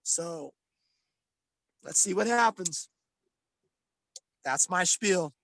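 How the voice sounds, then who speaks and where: A man's voice: sits high, lively intonation, drawn-out words, vocal fry, a bit bright, no echo. A man co-hosting a podcast, ranting with passion and frequent swearing in casual chat. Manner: impassioned, swearing, rambling rant. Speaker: podcast co-host.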